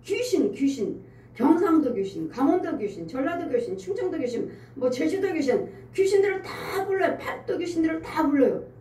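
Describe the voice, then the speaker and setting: A woman's voice: high voice, big pitch swings, moderate pace, mellow, recorded from a distance, slight background noise. Emphatic woman pastor preaching, echoey room. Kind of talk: sermon testimony.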